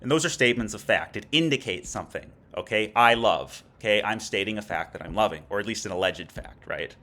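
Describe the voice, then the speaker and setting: A man's voice: lowish voice, quick pace, bright, forceful tone. A man teaching a recorded lecture, explaining patiently and checking in often with "okay?". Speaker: Latin teacher.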